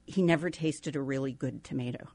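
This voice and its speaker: A woman's voice: very deep voice, fairly quick, mellow, husky, dry recording. A middle-aged woman hosting a food podcast, chatting enthusiastically and laughing easily. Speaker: podcast host. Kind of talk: casual food podcast chat.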